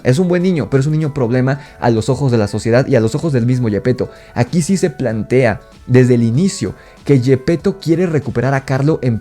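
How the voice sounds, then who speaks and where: A man with a Mexican accent giving an animated, casual film review, rising in pitch when indignant.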